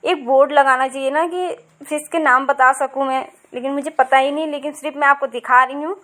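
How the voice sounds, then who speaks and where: A woman's voice: sits high, fairly even intonation, a little fast, a bit bright. A woman in her thirties chatting casually as she narrates her vlog, rambling and repeating herself with many fillers. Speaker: vlogger.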